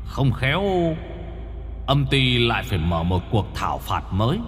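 A man voicing a wary male underworld clerk who speaks softly and deferentially. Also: fairly low pitch, animated, normal speed, in a large hall, over music, lightly acted. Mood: uneasy. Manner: soft and deferential.

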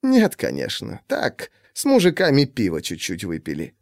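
A man's voice: mid-range voice, huge pitch swings, moderate pace, gravelly, darkish tone, no echo, studio quality. A man voicing a furtive middle-aged husband who mumbles evasively and turns harsh.

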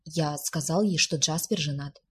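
A woman with a very breathy voice reading the part of a flustered, sulky young man who grumbles defensively. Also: low voice, normal speed.

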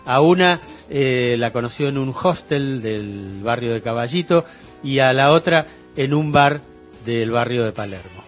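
A man's voice: mid-range voice, lively intonation, a little slow, soft background music. An older man co-hosting a radio show, chatting casually with hesitant fillers. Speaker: radio co-host.

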